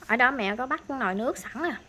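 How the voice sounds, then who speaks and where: Bright-voiced Southern Vietnamese woman vlogger. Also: a little high, expressive, a little fast, a little hiss or hum. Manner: chatty, playful, teasing. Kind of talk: casual cooking vlog chat. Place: rural home kitchen with wood stove.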